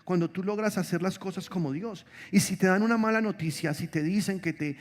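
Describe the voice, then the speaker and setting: A man preaching a sermon as pastor, conversational and animated, asking the congregation many rhetorical questions. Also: high-pitched, a little fast. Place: church.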